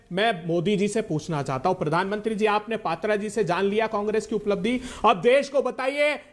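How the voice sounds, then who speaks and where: Male Indian political spokesperson for a TV debate; very high-pitched, insistent, rhetorical delivery. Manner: insistent, pleading to be heard, rhetorical.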